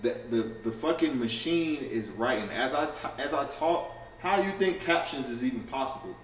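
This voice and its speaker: A man in a casual livestream to camera, talking fast and loosely with lots of slang, profanity, restarts and "you feel me" asides. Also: mid-range voice, expressive, a little hiss or hum. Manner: fast and offhand. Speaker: content creator going live. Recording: roomy, distant camera audio with faint ambience.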